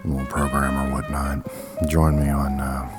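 A man voicing a stoned, apathetic radio host in a comic promo, with a halting, mumbling stoner drawl. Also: very deep voice, monotone, over loud music, voice pushed down. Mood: stoned, indifferent. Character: stoned, apathetic, slow-witted male celebrity radio host, parody.

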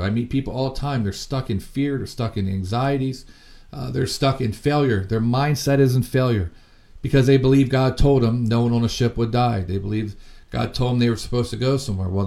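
A man's voice: mid-range voice, vocal fry, darkish tone. A middle-aged man preaching a sermon earnestly and from the heart, with frequent fillers and restarts. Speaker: ministry founder and preacher. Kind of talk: sermon teaching.

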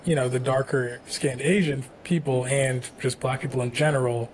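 A man hosting a podcast interview, asking questions in a relaxed conversational way. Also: mid-range voice, moderate pace, a little hiss or hum, poor audio. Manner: conversational, frequent affirmations. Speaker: podcast host. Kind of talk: casual interview chat.

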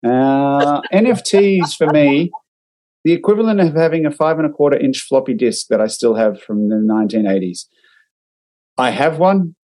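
Joining by remote call, an Australian digital marketer co-hosts a casual podcast, reading out clips and critiquing them with dry, wry humor. His slightly high, warm voice has lively intonation and normal speed, on a rough recording.

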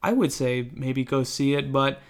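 A woman's voice: extremely low pitch, measured pace, clear, resonant tone. A woman co-hosting a podcast in casual chat, who laughs often and trails off mid-sentence. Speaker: podcast co-host.

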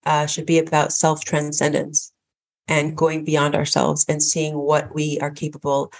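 Low-voiced woman podcast host. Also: monotone, a little slow, dry recording, studio quality. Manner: reflective, with fillers and restarts. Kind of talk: casual podcast talk.

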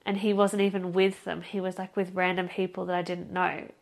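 A young woman hosting a podcast, telling a story in a casual, expressive way, with lots of "like" and the odd swear. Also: lowish voice, a little fast, creaky. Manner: chatty, expressive, heavy use of "like" and swearing. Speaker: podcast host.

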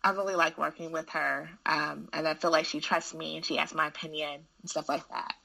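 Frank woman, low gravelly voice with a bright edge; candid, chatty storyteller. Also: brisk, rough recording. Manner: candid, frank, animated storyteller with frequent restarts. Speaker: school administrator. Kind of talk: casual conversation.

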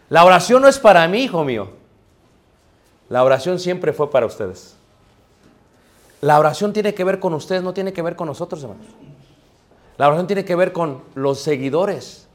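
A man preaching a sermon, talking to the congregation in a conversational way and asking them rhetorical questions. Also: a little high. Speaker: pastor.

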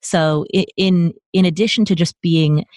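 Lively woman guest, dry close sound. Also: on the low side, normal speed, no room sound. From Nepal. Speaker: podcast guest. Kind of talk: conversational interview.

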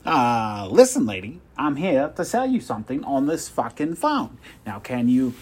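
A man doing a loud, rude phone salesman. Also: medium pitch, huge pitch swings, normal speed, slightly rough. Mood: pushy. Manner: loud, insulting hard sell.

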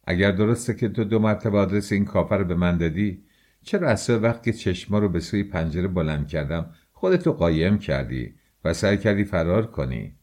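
A man's voice: low-pitched, lively intonation, a little mellow. A male audiobook reader voicing a tense, brooding young man who speaks bluntly and urgently, with threats in his voice. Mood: tense defiant.

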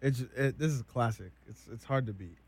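Slow-talking young man reviewing food. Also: medium pitch, husky. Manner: slow, deliberate reviewing with many ums. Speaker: co-host. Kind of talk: casual food taste-test chat.

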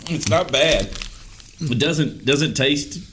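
A man's voice: fairly high pitch, slow, noisy background. A man co-hosting a casual podcast, laughing often and humming while he chews. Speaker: podcast co-host. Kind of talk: casual chat.

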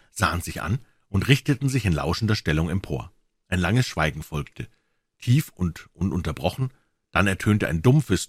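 A man reading a classic novel aloud as narrator, in a measured, lilting storytelling manner. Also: low voice, slightly rough, no room sound, clean studio sound.

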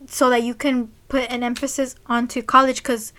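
A woman's voice: a little high, little pitch movement, normal speed, a bit bright. Chatty young woman co-hosting a podcast. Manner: rambling, filler-heavy with lots of "like". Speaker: podcast co-host. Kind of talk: casual chat.

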